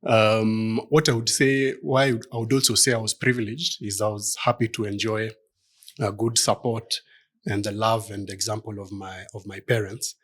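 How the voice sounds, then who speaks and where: A middle-aged man from Kenya speaks in a somewhat low, husky voice. He answers interview questions thoughtfully, pausing often with fillers and small hesitations. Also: little pitch movement, fairly bright tone. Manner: thoughtful, hesitant with many fillers, light laughs. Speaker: law firm partner, guest. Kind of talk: conversational interview.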